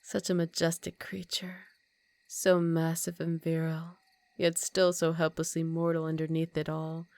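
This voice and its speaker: Woman acting as a older vampire countess for asmr, lowish voice, very dry close sound, slow teasing predatory, half whispery. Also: darkish tone, dry recording. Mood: haughty, teasing. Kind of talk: ASMR roleplay.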